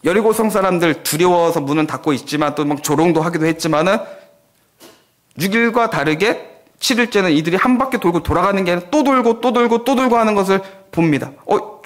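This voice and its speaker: Man, pastor's sermon, animated storytelling, slightly high voice, very expressive pitch. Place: church.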